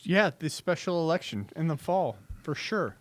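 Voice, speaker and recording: A man co-hosting a casual livestream, talking in a relaxed, agreeable way. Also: fairly high pitch, moderate pace, no echo. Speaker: co-host.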